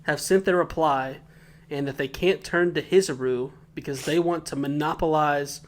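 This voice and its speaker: Podcast co-host, male, slightly high voice, casual laughing recap. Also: moderate pace. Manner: laughing, joking recap of notes. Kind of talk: casual episode recap chat.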